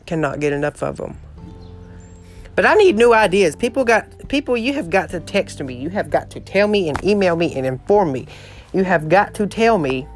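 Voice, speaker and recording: A man's voice: high voice, animated, moderate pace, soft background music. A man, telling a story in a dramatic, exclamatory, gossipy way as a podcast host on his porch. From southeast Missouri. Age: late teens. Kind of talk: casual storytelling monologue. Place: outdoor porch.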